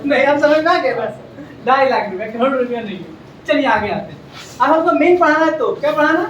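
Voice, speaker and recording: A man's voice: very high voice, lively intonation, brisk, a bit bright, distant mic, lo-fi sound, a little hiss or hum. A male coaching teacher, lecturing a class and drilling facts by repeating them and quizzing his students. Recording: echoey classroom, heard from afar.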